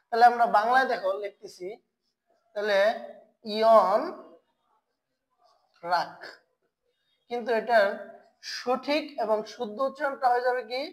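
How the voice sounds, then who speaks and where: A woman teaching Korean pronunciation in an online lesson, asking questions and then answering them herself, and repeating key sounds slowly for her learners. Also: fairly high pitch, poor audio.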